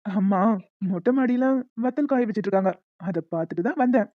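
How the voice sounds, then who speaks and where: A woman's voice: mid-range voice, lively intonation, dry recording, phone-quality sound, lightly acted. A woman voicing a teasing young cartoon husband. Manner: fast, coaxing banter. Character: teasing young newlywed husband, playful and persistent. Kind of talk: cartoon voice acting.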